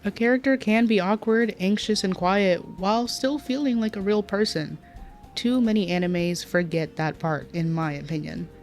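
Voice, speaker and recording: A woman's voice: medium pitch, moderate pace, a little mellow. Young woman, slightly nasal, casual vlog commentary, candid and self-mocking, faint music underneath. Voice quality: says she sounds nasal. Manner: candid and self-mocking, swearing, laughing at own flubs. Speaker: anime commentary vlogger. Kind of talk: casual scripted commentary with outtakes.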